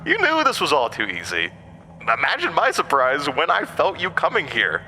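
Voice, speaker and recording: In a horror audio drama, a male voice plays an ancient inhuman outcast, bitter and manipulative, telling its tale with taunting, theatrical emphasis in a full character voice. The voice is a little high, piercingly sharp and forceful, with huge pitch swings at normal speed. It rings through a long, cavernous reverb over slight background noise.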